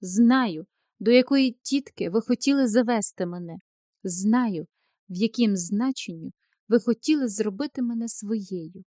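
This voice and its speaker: A woman's voice: mid-range voice, animated, a little slow, dark tone, dry recording, lightly acted. A woman reading the part of a proud young post office clerk who answers coldly and reproachfully. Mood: anguished. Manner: cold, reproachful, turning tearful. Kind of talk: audiobook character reading.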